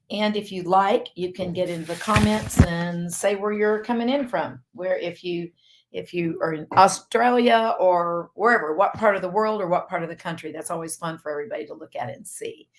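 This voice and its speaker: A middle-aged woman physician with a Southern US accent, hosting a live online health session in a chatty, rambling way. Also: on the low side. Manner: chatty, rambling, laughs easily. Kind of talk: casual live-stream chat.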